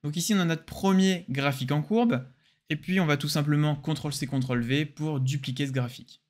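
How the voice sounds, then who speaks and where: A young man with a French accent hosts a screen-recorded software tutorial. He explains each step casually and with enthusiasm. His voice sits a little higher than most men's. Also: brisk.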